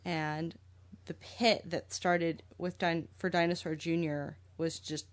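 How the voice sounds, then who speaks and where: A woman's voice: sits low, slow pace. A woman co-hosting a podcast, telling a story in casual chat. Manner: animated storyteller, chatty. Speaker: podcast co-host.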